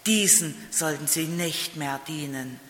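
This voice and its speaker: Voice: mid-range voice, a little slow, a bit bright, a little hiss or hum. A preacher giving a sermon, emphatic, repeating key phrases and asking rhetorical questions. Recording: roomy hall with long reverb.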